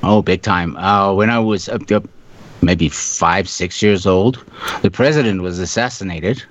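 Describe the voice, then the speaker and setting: A man in his sixties from Africa, telling his life story as an interview guest in a reflective, halting way. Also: low-pitched. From South Africa. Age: 60s. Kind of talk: casual storytelling. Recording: dull lo-fi sound.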